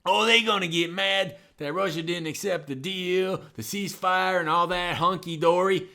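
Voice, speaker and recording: A man's voice: high voice, fairly even intonation, normal speed, sharp tone. A man doing a folksy know-it-all sidekick. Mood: smug. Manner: folksy, ungrammatical drawl. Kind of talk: comedic banter.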